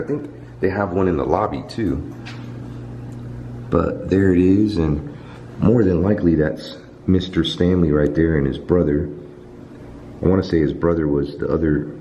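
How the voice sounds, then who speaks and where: A man's voice: deep voice, background noise. A man hosting a casual walk-and-talk vlog, telling ghost-tour history in a colloquial, rambling way. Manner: colloquial, rambling explanations with frequent "you know". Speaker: vlog host. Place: indoors in a large hotel. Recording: roomy echo with background music. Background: music.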